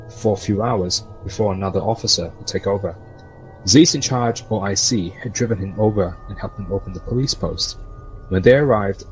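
A man with a lowish voice narrates a scripted ghost story. Soft music plays faintly behind him. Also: low-quality recording.

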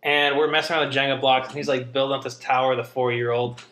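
Bright-voiced young man telling rambling stories. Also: medium pitch, level tone, fast talker, roomy sound, a little hiss or hum. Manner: rambling, self-interrupting, laughing storyteller. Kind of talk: casual chat, telling family stories.

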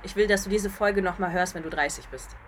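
A young woman hosting a casual podcast chat at home, joking and animated. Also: medium pitch, fairly quick, crowd noise. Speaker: podcast host. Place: flat.

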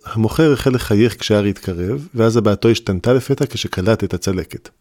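Low-voiced man reading a story. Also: no echo, clean studio sound. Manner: steady, measured reading. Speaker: audiobook narrator. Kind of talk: scripted narration.

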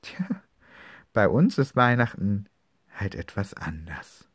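A man gently reading a cozy children's Christmas story aloud in the first person. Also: lowish voice, very animated, takes it slowly, breathy edge, no room sound. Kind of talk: storybook narration.

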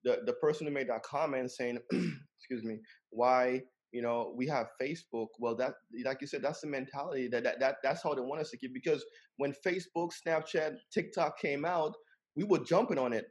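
A middle-aged man talking as a guest in a relaxed discussion, with a voice of ordinary pitch for a man. He is earnest and keeps doubling back on his words as he builds up his argument. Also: a little fast, breathy edge. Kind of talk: casual discussion.

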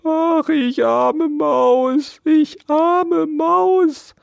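A storyteller voicing a poor, self-pitying female field mouse who pleads and wails in a very high, strained voice. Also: steady tone, very slow, vocal fry, no echo, dull audio, full character voice. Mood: wailing.

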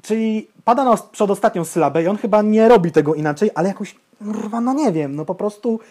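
A young man co-hosts a podcast, talking fast in a high-pitched voice. He's blunt and opinionated, ranting animatedly and swearing through casual chat.

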